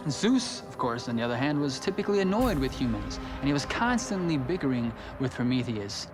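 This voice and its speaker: A man's voice: mid-range voice, sing-song, brisk. A man giving explanatory, storytelling commentary as a documentary interviewee. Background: music.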